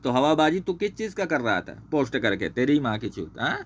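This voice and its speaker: A man's voice: mid-range voice, big pitch swings, brisk, muffled recording. A man ranting angrily, swearing constantly and repeating himself while pointing things out on screen. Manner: angry, heavily profane, repetitive. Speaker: channel host exposing a former associate. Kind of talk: screen-share rant.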